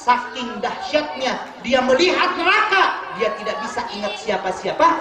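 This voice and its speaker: A man, preaching a storytelling sermon at a community gathering, swinging between loud and hushed delivery. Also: very high-pitched, very animated, normal speed, roomy sound, crowd noise, poor audio. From West Java.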